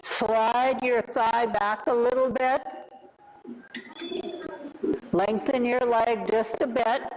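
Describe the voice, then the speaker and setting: A riding instructor coaching a live lesson with brisk, short instructional commands. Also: medium pitch, steady tone, low-quality recording.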